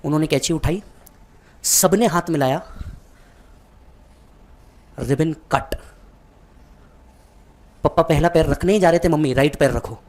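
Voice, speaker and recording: A man's voice: on the high side, slow, pauses often, a little mellow. A man giving a motivational speech, telling a dramatic story straight to the listener. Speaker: motivational speaker.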